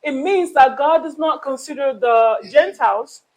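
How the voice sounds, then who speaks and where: A woman's voice: high-pitched, lively intonation, slow pace, a little mellow. A woman interpreting a sermon live, relaying the preacher's words in the third person with the odd filler.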